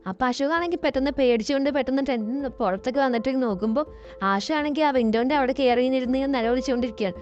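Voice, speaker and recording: Woman recapping a serial super fast, chatty, muffled audio with faint music. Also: high-pitched. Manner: lively, chatty retelling. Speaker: serial episode explainer. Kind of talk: casual storytelling recap. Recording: dull lo-fi sound, faint music behind.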